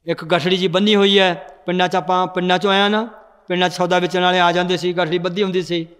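A male religious teacher explains verses and tells stories to his class. His voice is high and smooth, with a resonant clarity. A long reverb rings through the hall around him. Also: level tone, quick pace, fairly bright tone. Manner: explanatory, storytelling, corrects students' recitation. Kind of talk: scripture lesson with storytelling.

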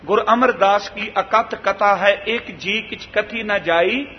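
A man giving a devotional sermon to a congregation, chanting scripture lines slowly and addressing listeners as beloved ones. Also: high-pitched, slight background noise. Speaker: Sikh preacher giving katha. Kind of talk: devotional sermon with recited verses. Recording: dull sound with long hall reverb.

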